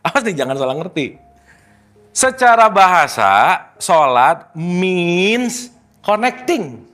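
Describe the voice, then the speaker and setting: A man's voice: sits high, big pitch swings, slow, a bit bright, soft background music. A man leading a casual religious study talk, playful and teasing, slipping in English words. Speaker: spiritual teacher.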